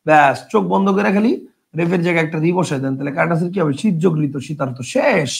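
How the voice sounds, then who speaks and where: A man's voice: a little high, racing, creaky. A man teaching a grammar lesson online, talking colloquially, repeating points and quizzing his students. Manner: colloquial, addresses learners as brother.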